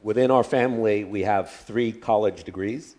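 A man's voice: lowish voice, a little mellow. Man preaching in short bursts. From United States. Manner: short phrases with pauses for translation. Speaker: guest preacher. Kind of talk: sermon delivered through an interpreter.

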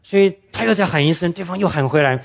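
A man preaching a sermon, telling stories earnestly and slowing down to stress his main points. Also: high-pitched, gravelly. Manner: earnest storytelling preacher, drops English words into speech; slows down and drops his voice to stress key points. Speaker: pastor.

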